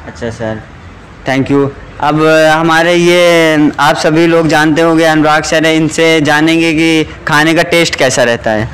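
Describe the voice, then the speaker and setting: A man's voice: a little high, steady tone, unhurried, a bit bright. A young man vlogging casually, giving an upbeat, chatty tour of an outdoor college canteen and talking straight to his viewers as friends. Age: young adult. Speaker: student vlogger touring a campus canteen. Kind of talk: casual walking vlog. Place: outdoor college canteen under a metal roof. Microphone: small handheld clip mic held near mouth.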